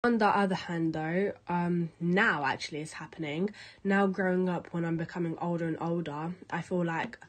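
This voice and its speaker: A woman's voice: on the low side, steady tone, normal speed. A young woman, talking candidly in a casual interview. She rants a little and swears freely.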